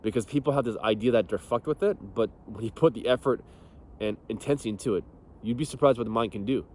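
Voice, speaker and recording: A young male fitness coach talking in a loose, profane, motivational way. He is blunt and laughs easily, and his voice sits at an ordinary middle pitch. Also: quick pace, a little mellow, slight background noise. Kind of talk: casual motivational talk.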